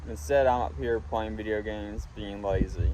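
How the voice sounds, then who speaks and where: A young man from Alabama talking in a casual, halting, reflective ramble while smoking a pipe, often trailing off. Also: lowish voice, steady tone. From Alabama, United States. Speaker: vlogger talking to viewers. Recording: windy, clear background noise. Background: wind.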